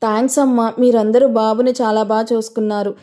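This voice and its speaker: A woman's voice: fairly high pitch, flat delivery, a little fast, dark tone, lightly acted. A woman voicing a polite, grateful older mother thanking others in an audio story.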